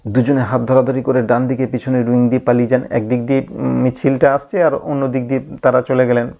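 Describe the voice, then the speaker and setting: A man teaching a literature lesson in a gravelly, mid-pitched voice, pausing with hums and restarting his sentences as he explains. The sound is thin and narrow, as if it came over a phone line. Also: level tone. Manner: thinking aloud with frequent hums and restarts. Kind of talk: reading and explaining a play in a lesson. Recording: tinny phone-like audio.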